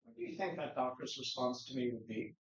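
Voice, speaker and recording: A medium-pitched man from Norway, Norwegian by first language, presents briskly with big pitch swings. Lecturing conversationally, he asks rhetorical questions, while the distant mic in the echoey conference room produces a dull sound.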